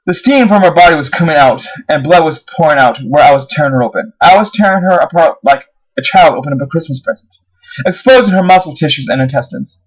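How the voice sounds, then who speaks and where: A man's voice: on the high side, quick pace, low-quality recording. A man reading his own first-person horror story aloud, his voice rising on the dramatic moments. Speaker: narrator.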